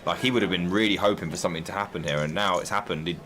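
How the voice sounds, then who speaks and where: A man's voice: deep voice, racing, a bit bright. A man giving live, casual commentary on a poker tournament as one of the commentators. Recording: crowd murmur behind the voice.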